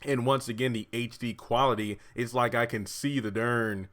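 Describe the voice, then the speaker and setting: Casual male reviewer, chatty and animated, breaks off to laugh and quote scenes. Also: mid-range voice, normal speed. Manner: chatty, laughs often, acts out characters' lines. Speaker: show reviewer. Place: his apartment.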